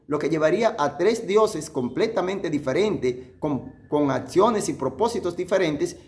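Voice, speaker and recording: A man preaching a Bible lesson, his voice sitting somewhat high for a man. He builds his case in repeated steps, asking questions and answering them himself. When he reads a verse aloud, he slows right down. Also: a little mellow. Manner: repetitive, emphatic, reasoning step by step with rhetorical questions. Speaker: pastor. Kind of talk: sermon-style Bible teaching.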